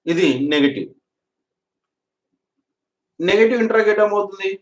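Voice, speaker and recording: A man with a Telugu accent teaching an English grammar lesson. He drills example sentences, repeats each one and urges his students to practise quickly. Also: high voice, echoey room.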